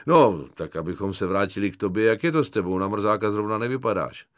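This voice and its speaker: A man's voice: lowish voice, lively intonation, no room sound, clean studio sound, close to an everyday voice. A man doing a wisecracking army medic. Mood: mocking. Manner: slangy, mocking, chummy. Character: cynical joking army medic corporal, young man. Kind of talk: audiobook character voice.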